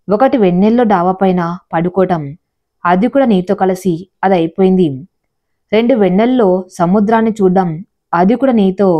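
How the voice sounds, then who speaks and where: Storybook wife, young, wounded, plaintive and earnest, in the narrator's own voice. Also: female voice, mid-range voice, warm tone, natural voice. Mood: teasing. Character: young wife, hurt and tearful.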